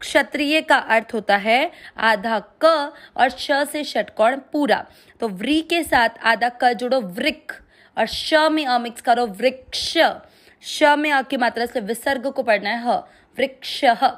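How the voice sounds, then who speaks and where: Woman, slightly high voice, very slow deliberate delivery, patient syllable-by-syllable recitation teacher. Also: fairly bright tone. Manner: patient, spells syllables and stretches vowels. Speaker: Sanskrit pronunciation teacher. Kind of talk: slow step-by-step recitation lesson.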